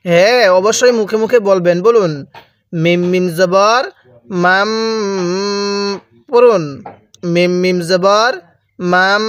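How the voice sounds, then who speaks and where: Slow, high-voiced man teaching Quran reading. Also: dry recording. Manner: slow drilled spelling of letters, prompting the viewer to repeat. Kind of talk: recitation lesson, call and repeat.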